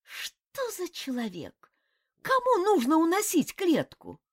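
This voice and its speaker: A woman voicing an impulsive young noble lady in an audiobook, with high, exclaiming lines. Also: wildly swooping pitch, takes it slowly, no room sound, clean studio sound, heavily acted. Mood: fretful, exclaiming. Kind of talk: audiobook character voice.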